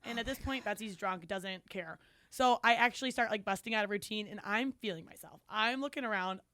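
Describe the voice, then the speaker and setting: A woman co-hosting a podcast, telling a lively story with frequent laughs and acted-out quotes. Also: mid-range voice, fairly quick, no echo, studio quality. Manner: animated, laughs often, acts out quotes. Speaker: podcast co-host. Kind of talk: casual storytelling chat.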